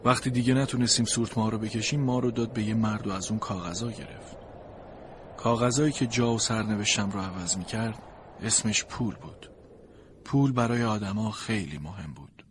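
A man narrates a storybook from a sled dog's point of view, in an expressive, plaintive way. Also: lowish voice, noisy background.

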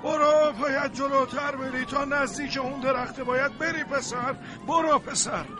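A man's voice: very high-pitched, level tone, pitched above the performer's own voice. A man voicing a devoted dog owner in a storybook reading, talking fervently to his dog. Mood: urging. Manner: fervent, urging. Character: devoted male dog owner, kind and stubborn.

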